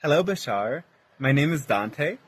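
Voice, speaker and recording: A man's voice: fairly high pitch, animated, measured pace, slightly rough, no room sound. A man from Pennsylvania politely and earnestly reading out a prepared question. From Pennsylvania, United States. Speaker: viewer with a recorded question.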